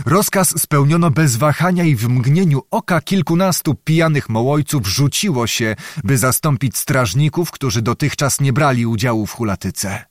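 A male audiobook narrator reads a literary story in a steady, measured, descriptive way. His pitch sits in the middle of a man's range. The recording is close and dry, with no room sound. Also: dry recording.

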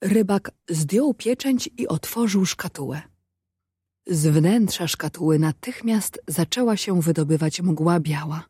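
A woman narrating a storybook tale in a measured, even manner. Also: lowish voice, breathy edge, no room sound, clean studio sound. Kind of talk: storybook reading.

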